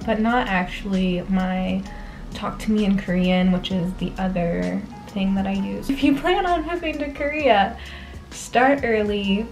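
A young woman in her twenties chats casually to camera from a small apartment room, rambling through her day and laughing often. Her mid-range voice is a little mellow, background music plays, and the camera starts on a desk before becoming handheld.

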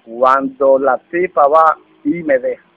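A man with a Dominican accent telling a comic story casually, halting and repeating words as he goes. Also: a little high, big pitch swings, creaky, phone-quality sound. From Dominican Republic.

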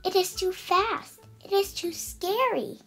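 An eight-year-old girl reads a children's picture book aloud carefully and expressively, stumbling over some words. Her voice is very high and a bit bright, her pace slow, with soft music in the background.

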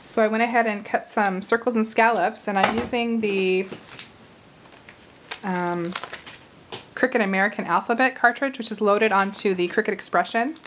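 A chatty woman in her thirties walks through a paper craft at her table, her voice slightly hoarse as if she is losing it. Her pitch sits mid-range for a woman. A faint hiss and small clicks of paper and tools sit under her voice. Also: normal speed, low-quality recording. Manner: chatty, apologetic asides, talks while working. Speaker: crafting tutorial host. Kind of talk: casual crafting tutorial. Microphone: camera at arm's length over the craft table.

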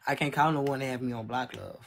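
A twenty-something man livestreams from a small room, his phone held at arm's length, casually answering chat with candid defensiveness. He talks fast in a mid-range, steady, slightly bright voice.

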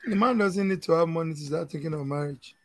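Emphatic Nigerian man, gravelly husky voice. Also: a little high, fast, fairly bright tone, no echo. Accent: Nigerian English. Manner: emphatic, preachy, laughs often. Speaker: conference speaker. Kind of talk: conference panel answer.

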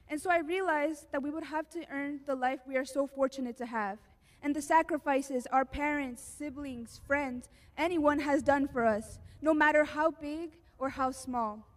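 A teenage girl gives a graduation speech in an earnest, heartfelt way. Her voice sits high. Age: teens. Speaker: graduating student speaker.

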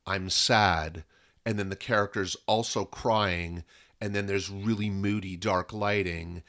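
With a lowish voice, a Canadian film and content producer chats as a podcast guest in a casual interview. His delivery is lively, full of restarted sentences and examples heaped one on another.

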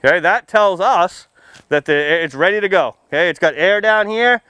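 A firefighter with a high-sitting, bright and forceful voice speaks at a moderate pace, the tone clean. His audience is a small group of kids seated outdoors under a tent canopy by a building. He keeps the safety talk simple and interactive, teasing playfully and often checking in with questions, "okay," and "right."

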